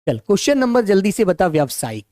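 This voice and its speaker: Male tutor, sore hoarse throat, calm and fond with students, dry close sound. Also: sits high, dry recording. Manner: calm, unhurried, affectionate to students. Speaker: teacher. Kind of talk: online exam-prep class.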